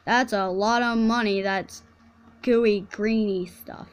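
A woman's voice: medium pitch, steady tone, takes it slowly, smooth. A woman chatting casually with a friend while playing a video game, rambling and tripping over her words. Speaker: gamer recording a video.

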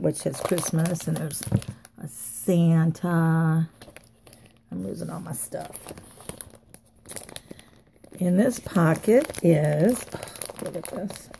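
A woman's voice: fairly low pitch, creaky, warm tone, a little hiss or hum. A woman chatting casually to viewers as she unwraps craft mail, gushing and a little tired. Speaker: craft vlogger. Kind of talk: casual unboxing chat.

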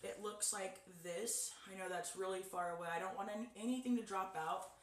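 A woman's voice: mid-range voice, a little fast. A young woman chatting to her viewers as she unboxes a package, recorded on a camera set a little away from her in a small, echoey bedroom. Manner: chatty, addresses viewers directly. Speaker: vlogger. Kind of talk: casual unboxing chat. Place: small guest bedroom indoors. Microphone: camera set up a little far away. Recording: echoey room sound.

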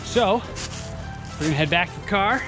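A man's voice: high-pitched, moderate pace, over music. A young man casually narrating a hike outdoors in the woods, talking to a handheld action camera. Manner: relaxed, easygoing narration to camera. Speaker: vlogger. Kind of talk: casual hiking vlog chat. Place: outdoors in wooded lakeside hills.

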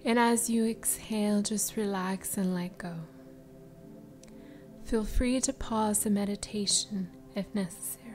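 A woman guiding a meditation in a soft, breathy spa voice that trails into whispers, soothing and unhurried. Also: mid-range voice, fairly even intonation. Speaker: meditation guide. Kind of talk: slow guided meditation narration. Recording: music behind the voice. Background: background music.

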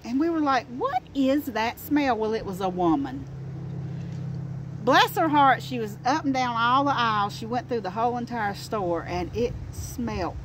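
A woman's voice: on the high side, lively intonation, moderate pace. A middle-aged woman with an Appalachian accent chatting casually outdoors and telling stories in a folksy way, repeating phrases for emphasis. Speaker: co-host. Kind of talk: casual chat and storytelling. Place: outdoors in a wooded yard. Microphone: camera a few feet away. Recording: outdoor recording with ambient noise.

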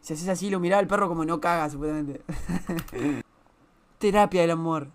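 A man's voice: fairly high pitch, moderate pace. A young man with a Rioplatense Spanish accent giving casual reaction commentary on a stream. He swears a lot and laughs often.

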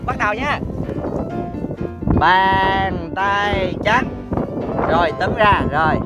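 A man's voice: high-pitched, poor audio. A young man with a Southern Vietnamese accent hosts a casual challenge vlog outdoors, explaining things in a repetitive, hesitant way. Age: young adult. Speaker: host of a challenge video. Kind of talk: casual vlog presenting and instructing. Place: open grassy field outdoors. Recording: loud music over outdoor speech. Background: loud music.

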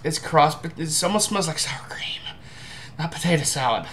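A man's voice: on the high side, lively intonation, fairly bright tone. Hesitant young man, noisy home recording. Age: young adult. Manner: hesitant, halting, musing. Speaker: amateur food reviewer. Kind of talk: casual chat to camera. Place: indoor room at home.

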